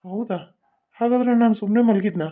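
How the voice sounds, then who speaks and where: A woman's voice: medium pitch, a little fast, natural voice. A woman voicing a simple-minded, worried young male king in a cartoon, muttering his thoughts aloud. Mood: anxious. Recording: tinny phone-like lo-fi audio.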